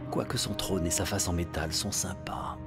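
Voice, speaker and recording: A scornful villain god speaks slowly and with disdain. His voice is very deep. Game music runs under it in this French game dub. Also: fairly even intonation. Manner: contemptuous, slow. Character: scheming male god villain, haughty, scornful.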